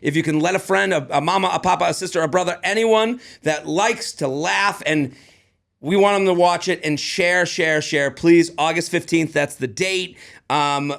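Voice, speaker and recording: Comedy podcast guy in his 30s, high voice w/ lots of gravel, hyped and rambly. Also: normal speed. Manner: excitable, rambling self-promotion. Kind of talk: casual podcast chat.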